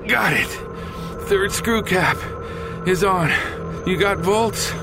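Guy acting woozy oxygen-starved astronaut commander, high strained voice, radio play, heavy music behind. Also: takes it slowly. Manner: disoriented, strained. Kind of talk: audio drama acting.

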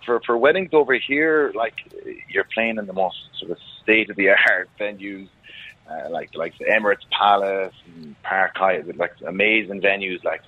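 Male, western Irish accent, lowish voice, rambling casual interviewee, phone-like radio sound. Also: no room sound. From Galway, Ireland. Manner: rambling, repeats phrases. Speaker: wedding singer and musician guest. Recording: narrow phone-like radio line, dry.

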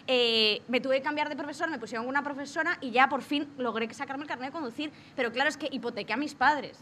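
A woman's voice: high voice, quick pace, bright, forceful tone, slight background noise. A young woman in casual chat, playful and joking, laughing often.

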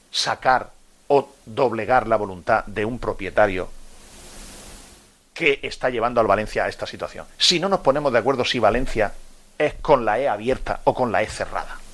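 A man's voice: on the low side, a bit bright. A man in his fifties from Murcia, hosting a sports radio show and delivering an impassioned monologue, speaking straight to his listeners with rhetorical questions. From Murcia, Spain. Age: 50s. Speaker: radio host.

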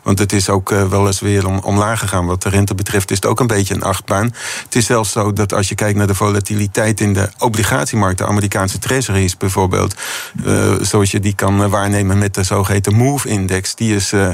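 Low-voiced man explaining markets, halting. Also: flat delivery, creaky, no echo. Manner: explanatory, hesitant with many fillers. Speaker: market analyst guest. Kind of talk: radio finance discussion.

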